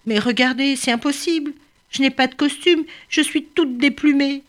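A woman voicing a bullied young female ostrich who talks in a high, fearful, pleading way. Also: moderate pace, natural voice. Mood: frightened.

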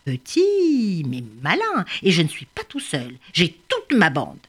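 A woman voicing a small, clever male bird who speaks in a low, calm, reassuring way. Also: unhurried, slightly rough, exaggerated voice.

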